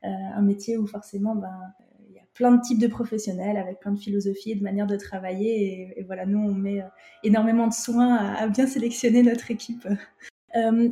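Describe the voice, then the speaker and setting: A woman interviewing a client for a diet program in a reassuring, informal way, often pausing with fillers. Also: fairly high pitch, warm tone, reverberant.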